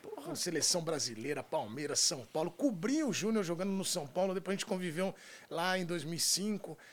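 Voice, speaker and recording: Brazilian guy hosting a chat show, pretty high voice, casual. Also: big pitch swings, a little fast. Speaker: show host.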